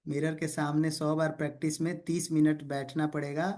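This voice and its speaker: A man's voice: on the high side, little pitch movement, normal speed, a little mellow. A man leading an interactive online sales training over a video call. He drills the group in call-and-response, teases participants playfully and keeps checking in that everyone is following.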